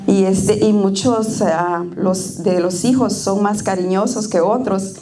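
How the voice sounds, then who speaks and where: A woman's voice: medium pitch, steady tone, slow pace, crowd noise. A middle-aged woman giving a personal testimony and prayer at a church service, tender and plainspoken with frequent hesitations. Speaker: church member giving a reflection.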